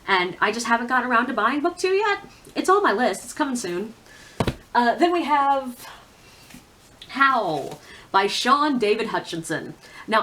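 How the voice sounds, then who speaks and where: In a slightly bright, medium-pitched voice, a book reviewer chats with viewers of her video channel. She keeps it casual and frank, with informal, opinionated side comments.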